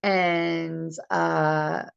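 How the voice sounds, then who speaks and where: Woman on a lo-fi conference call, low voice. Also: level tone, drawn-out words, creaky, clear, resonant tone, dry recording. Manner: chatty, loose, many fillers. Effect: heard over a conference call, audio breaking up. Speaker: singer and interview guest. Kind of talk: casual remote interview. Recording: dull lo-fi call audio, dry.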